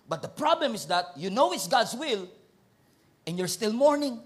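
A man's voice: very high-pitched, very animated, measured pace, a bit bright, husky. A man with a Filipino accent preaching a sermon, switching between Filipino and English and acting out people from his church. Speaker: pastor.

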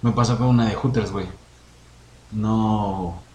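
Young mexican dude on a podcast, slangy storytelling, echoey room, bit of hiss. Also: male voice, lowish voice, unhurried. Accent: Mexican Spanish. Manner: slangy, animated storytelling with acted quotes. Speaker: podcast co-host. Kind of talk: casual chat. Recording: roomy echo, faint noise.

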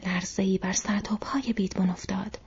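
A woman narrating an audiobook in a steady, even storytelling manner. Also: medium pitch, a little hiss or hum. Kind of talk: scripted narration. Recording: dull lo-fi recording.

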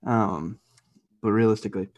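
A man's voice: on the low side, normal speed, darkish tone. A young man co-hosting a podcast, telling rambling stories in casual chat, swearing a lot and laughing often. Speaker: podcast co-host.

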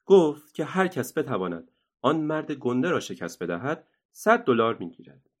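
A man's voice: medium pitch, big pitch swings, pitched above the performer's own voice. A man voicing a polite young boy explaining something to a friend in a storybook reading.

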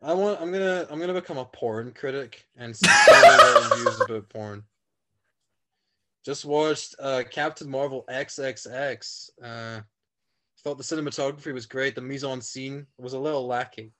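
A man co-hosting a podcast, riffing in deadpan mock-critic bits in casual comedic chat. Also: mid-range voice, moderate pace. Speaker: podcast co-host.

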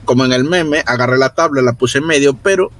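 A man's voice: mid-range voice, fairly quick, a bit bright. Rambling Spanish man at the game table. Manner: rambling, with restarts. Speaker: player. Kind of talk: casual tabletop play.

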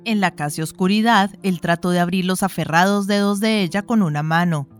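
Low-voiced woman reading a story aloud. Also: a little fast, faint music behind. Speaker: audiobook narrator. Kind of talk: scripted narration of a short story.

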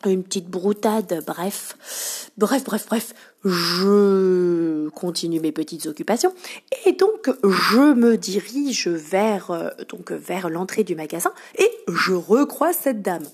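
A woman's voice: lowish voice, expressive, slow, darkish tone, husky. A woman podcaster telling comic stories from her shop job in a chatty, playful way, full of fillers. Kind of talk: comic anecdote monologue.

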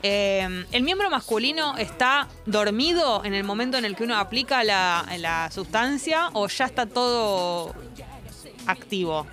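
A woman's voice: mid-range voice, animated, a little slow, fairly bright tone, soft background music. A woman with a Rioplatense accent co-hosting a casual podcast chat, joking bluntly and asking listeners to write in. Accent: Rioplatense Spanish. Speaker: co-host.

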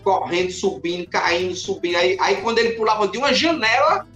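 A man's voice: high-pitched, highs cut off, faint music behind. Man telling stories in an echoey room. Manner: animated, acts out scenes with quick voice jumps. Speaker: guest. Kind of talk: casual podcast chat.

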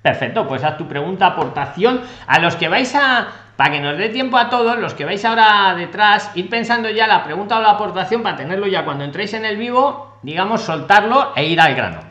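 A man with a Spain Spanish accent hosts a live Q&A and speaks brightly and with lots of pitch movement. He is friendly but brisk and keeps each caller on point. His voice has a roomy echo. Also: expressive, highs cut off. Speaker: host of a live Q&A on immigration law.

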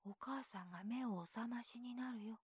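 A woman voicing a sensible older brother who speaks low and quietly, almost in a whisper. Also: measured pace, slightly rough, no echo, clean studio sound. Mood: quiet, calm.

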